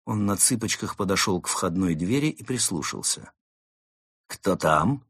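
A man narrating a storybook tale in an expressive, dramatic way. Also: low-pitched, moderate pace, slightly rough, no room sound, clean studio sound.

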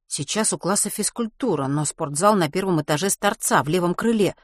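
A woman's voice: lowish voice, fairly quick, dry recording, studio quality. A woman narrating a children's novel as an audiobook reader. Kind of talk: scripted narration.

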